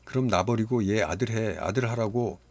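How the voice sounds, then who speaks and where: A man voicing a jealous, sulky schoolboy who whines and yells, in a storybook reading. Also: fairly low pitch, moderate pace, dry recording. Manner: whiny, yelling.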